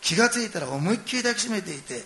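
Gravelly, fast-talking animated preacher man. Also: high voice. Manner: animated storytelling, acting out quoted lines and addressing listeners directly. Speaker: pastor. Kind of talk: sermon.

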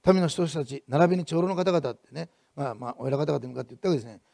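A man preaching a sermon as pastor, building to loud emphatic repetition and then dropping to soft asides. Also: fairly high pitch, racing, gravelly, no echo, studio quality.

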